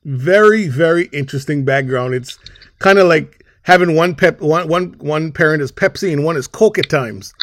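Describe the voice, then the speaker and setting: After opening with a scripted intro, this male podcast host falls into a relaxed conversation with his guest, laughing often. His fairly high voice moves at a moderate pace with lively energy, and there's slight background noise.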